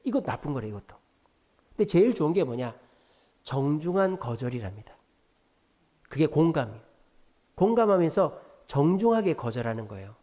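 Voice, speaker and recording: A man's voice: a little high, big pitch swings, fairly quick, long pauses. A man preaching a sermon at a Friday prayer meeting, telling a story and questioning the congregation directly. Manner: storytelling, acts out quoted dialogue in a softer voice. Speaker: pastor.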